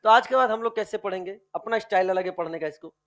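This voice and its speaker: High-voiced man quizzing a chemistry class. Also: fairly bright tone. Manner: quizzing students with repeated questions, drawn-out key words; affectionate, calls students dear children. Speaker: chemistry teacher. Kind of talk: classroom lecture with online students.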